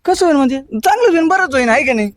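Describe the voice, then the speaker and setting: An actor playing a bossy elder brother who is busy running a wedding and whose voice keeps jumping up in pitch. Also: male voice, lively intonation, very fast. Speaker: actor in a village comedy.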